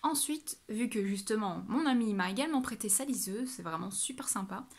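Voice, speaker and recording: A woman chatting casually through her monthly reading update. Her pitch sits in an ordinary middle range, and she gushes with exclamations as she goes. She talks off the cuff and often backs up to restart a phrase. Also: expressive, fairly quick. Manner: gushing and exclamatory about books; talks off the cuff with many self-corrections. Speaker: book vlogger.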